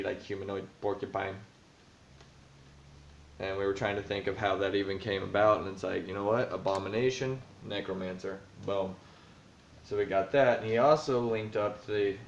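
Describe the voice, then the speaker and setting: A man's voice: on the low side, slight background noise. A man vlogging casually about the tabletop campaign he runs as dungeon master, thinking aloud and rambling with lots of fillers, recorded in a room at home. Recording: roomy, dull lo-fi home recording.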